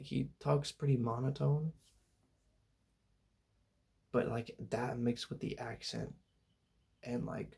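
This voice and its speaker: A young man talking softly in a loose, meandering ASMR ramble, laid-back and full of fillers. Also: medium pitch, gravelly, husky. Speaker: ASMR channel host. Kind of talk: soft-spoken ASMR rambling.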